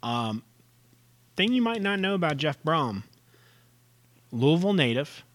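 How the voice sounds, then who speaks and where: A man's voice: a little high, very animated, unhurried, fairly bright tone. A man co-hosting a casual sports podcast, chatty and adding side facts. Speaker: podcast co-host.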